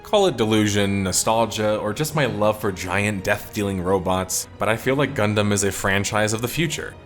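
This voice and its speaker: A man delivers scripted video-essay commentary in a fairly low voice. His voice sounds tired and strained, and his delivery is opinionated and wry. Faint music plays quietly beneath the narration. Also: moderate pace. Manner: opinionated, wry, detective-themed wrap-up.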